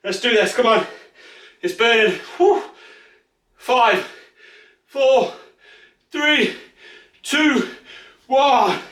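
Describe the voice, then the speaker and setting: Breathless and urging his viewers on with countdowns, this male fitness instructor coaches a home workout in a cramped room. He speaks very slowly with long pauses, in a very high, slightly bright voice with lively intonation. The recording is echoey and distant from the microphone.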